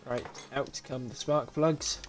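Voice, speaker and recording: Slow and steady, a young British man speaks in a mid-range voice while playing a car repair game on stream. Drowsy and yawning, he mutters casual, rambling remarks to himself, frequently starting over and laughing. Faint music sits under the desk mic with webcam recording.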